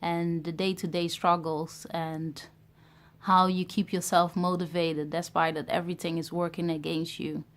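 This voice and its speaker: A Ghanaian woman in her thirties who grew up in Europe talks to camera in a personal vlog about starting a business. Her voice sits on the low side with little pitch movement, and she's reflective and hesitant, with many pauses and fillers.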